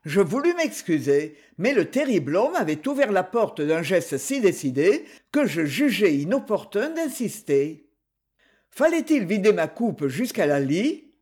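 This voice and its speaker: Slow, lively audiobook narrator. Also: medium pitch, husky. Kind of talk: first-person novel narration.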